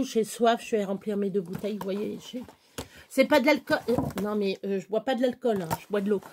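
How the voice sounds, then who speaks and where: A woman's voice: medium pitch, a little mellow. A middle-aged woman vlogging at home, chatting casually to her viewers in a rambling, exasperated way while moving around. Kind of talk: casual chat to camera.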